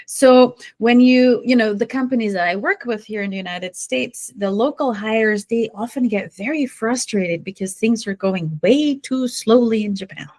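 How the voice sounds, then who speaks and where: A woman's voice: fairly high pitch, normal speed, few pauses, darkish tone. A woman from Belgium, a guest consultant, talks in a friendly, explanatory way with a few fillers. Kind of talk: casual interview talk.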